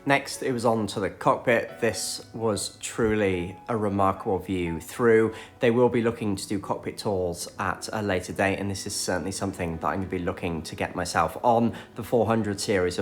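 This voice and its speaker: Male, fairly low pitch, scripted travel vlog narration, light music behind.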